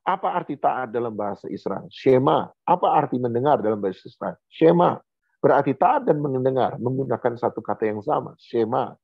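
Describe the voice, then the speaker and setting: A middle-aged pastor preaches with an animated voice that swings up and down, repeating short phrases to drive points home. His voice is gravelly and husky. The recording sounds thin and phone-like. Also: medium pitch, brisk, dry recording. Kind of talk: sermon.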